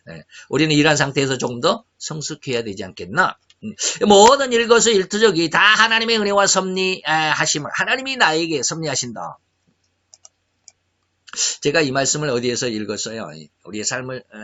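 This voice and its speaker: Bright-toned preacher man, lo-fi sound. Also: medium pitch. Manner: earnest, confessional, often hesitant with fillers. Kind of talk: sermon. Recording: dull lo-fi recording.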